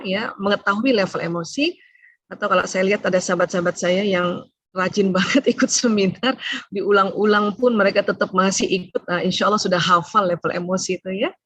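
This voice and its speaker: A woman giving a seminar talk on family and emotions, animated, acting out short exchanges between parent and child. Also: mid-range voice, no echo.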